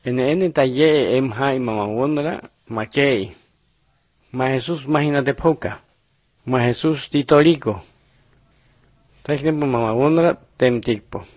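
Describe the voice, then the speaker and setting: A man's voice: mid-range voice, no echo. Man narrating religious lessons, dry sound. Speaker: narrator of Bible picture lessons.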